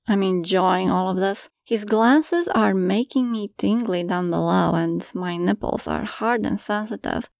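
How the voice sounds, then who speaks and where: Gravelly woman narrating a teasing erotic story. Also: mid-range voice, no echo, studio quality. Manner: playful, teasing.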